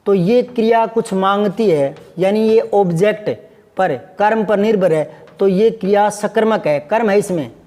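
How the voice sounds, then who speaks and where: A man's voice: sits high, normal speed, darkish tone, in a large hall. A man teaching Hindi grammar, patiently repeating examples and asking his students questions. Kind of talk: classroom lesson.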